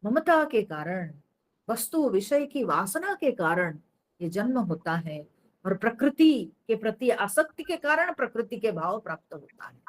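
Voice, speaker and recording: A woman's voice: medium pitch, sing-song, unhurried. A woman teaching in a spiritual discourse, explaining patiently, asking rhetorical questions and dropping in English phrases.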